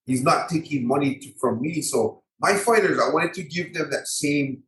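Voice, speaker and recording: A man's voice: a little high, normal speed, a bit bright, a little hiss or hum. A man with a local Hawaiian accent chatting casually as an interview guest, repeating phrases and using colloquial grammar. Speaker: MMA fighter and gym owner, podcast guest. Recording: echoey roomy sound.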